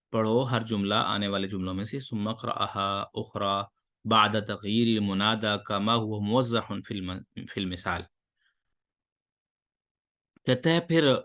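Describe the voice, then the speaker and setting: A man's voice: medium pitch, a bit bright. A man teaching an Arabic lesson. He reads each sentence, translates it and praises the student's answers. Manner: reads Arabic lines, then translates and explains.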